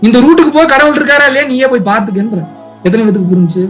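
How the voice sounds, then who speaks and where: A man from India with a strikingly high voice, teaching spirituality in an impassioned online talk. He pleads and fires rhetorical questions, swinging from quiet asides to loud appeals. Faint music sits behind him. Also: expressive, very fast, husky.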